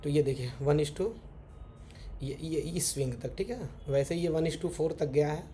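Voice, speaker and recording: Trading teacher, mellow voice. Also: male voice, a little high, a little slow. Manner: repeats "theek hai" constantly, talks while drawing on charts. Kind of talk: casual screen-share chart lesson. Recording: faint background noise.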